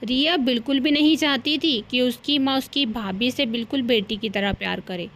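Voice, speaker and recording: A woman's voice: fairly high pitch, normal speed, a bit bright. Woman narrating a cartoon story.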